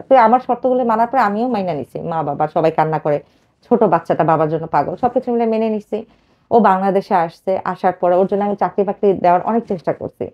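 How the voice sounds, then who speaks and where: A woman in her thirties tells her own life story to a host, fast and emotional, with many fillers. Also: medium pitch, mellow, dull audio. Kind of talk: personal life story told to a radio host.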